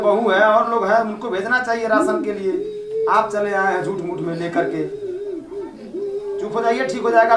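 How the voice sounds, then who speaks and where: A man playing a village doctor in a comedy sketch, scolding and soothing his patient, repeating himself. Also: high-pitched. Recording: echoey, far from the mic, loud noise.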